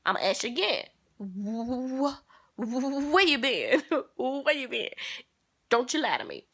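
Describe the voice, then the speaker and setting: A woman's voice: sits high, big pitch swings, takes it slowly, a bit bright, breathy edge, full character voice. A woman voicing her stern older sister who stutters heavily while scolding a younger sibling. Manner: heavy stutter.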